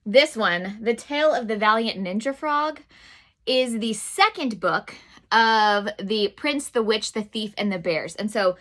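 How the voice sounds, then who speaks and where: A woman's voice: on the high side, expressive, a little slow, fairly bright tone. A woman in her thirties chatting casually about children's books, gushing to viewers with lots of "um"s. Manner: chatty and gushing, addresses viewers as "you guys"; frequent "um" fillers. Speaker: vlog host reviewing children's books. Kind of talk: casual chat.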